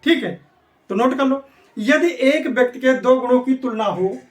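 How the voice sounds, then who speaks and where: This man's voice is extremely high-pitched and moves at a normal speed, picked up from a distance in an echoey room. He's giving a classroom lecture on English grammar for competitive exams, repetitively posing questions to students and answering them himself.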